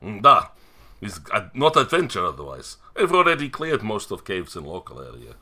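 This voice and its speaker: Man playing a lively Slavic-accented boy adventurer. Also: on the low side, moderate pace, heavily acted. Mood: eager. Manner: clipped grammar, dropped articles, dry complaints. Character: eager twelve-year-old boy guide, adventurous, chatty.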